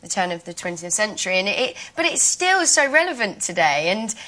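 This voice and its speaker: Bright giggly Essex woman. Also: mid-range voice, a little fast. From Essex, England. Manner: chatty, giggly, animated. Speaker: actress guest. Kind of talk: casual chat on a daytime talk show. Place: television studio.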